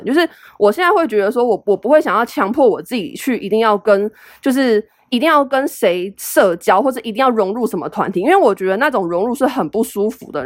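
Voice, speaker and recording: A woman's voice: a little high, no room sound, studio quality. A young woman with a Taiwanese Mandarin accent, hosting a solo podcast in a chatty, self-deprecating way full of fillers. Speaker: podcast host. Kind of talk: casual solo podcast advice.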